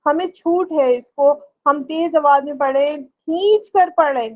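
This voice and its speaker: A woman teaching a religious lesson to women, patient and repetitive, breaking into slow drawn-out chanted recitation for examples. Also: sits high, highs cut off. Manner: patient, repeats ticks of "ٹھیک ہے".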